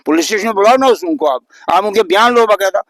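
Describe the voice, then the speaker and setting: A man's voice: sits high, fast talker, a bit bright, no room sound. A man of about eighty giving a news interview as a local resident, earnest and indignant, repeating his points for emphasis. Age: 80s.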